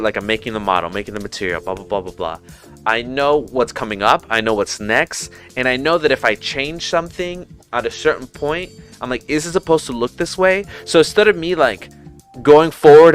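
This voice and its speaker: Rambling Puerto Rican-born streamer, smooth voice. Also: male voice, mid-range voice, a bit bright. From Puerto Rico. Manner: rambling, informal, many fillers and restarts. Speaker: livestream host. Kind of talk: casual livestream chat. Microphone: headset. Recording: music playing faintly underneath.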